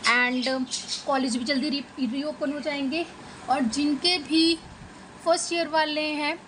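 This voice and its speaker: A woman teacher with a high, bright voice and an Indian English accent teaches an exam-prep lesson. She explains each point step by step, often checking in with "okay". There is faint noise behind her voice. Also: fairly even intonation, takes it slowly, low-quality recording. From Punjab, India.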